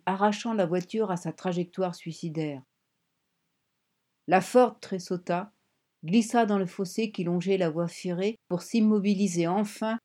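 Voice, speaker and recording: Woman narrating a dark novel. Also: lowish voice. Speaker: audiobook narrator. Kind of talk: scripted narration.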